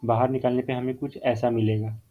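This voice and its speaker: A man's voice: mid-range voice, level tone, brisk. Man teaching math over a tinny line. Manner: explains step by step, repeats key terms, mixes in English phrases. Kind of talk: whiteboard math lesson. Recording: phone-like narrow sound.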